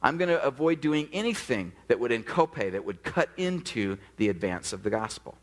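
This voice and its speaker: A middle-aged male pastor preaching with a lively, swinging pitch. He tells stories in a casual, animated way and slips into quick little voices for the people in them. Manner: animated storytelling, acts out quoted dialogue. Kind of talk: sermon.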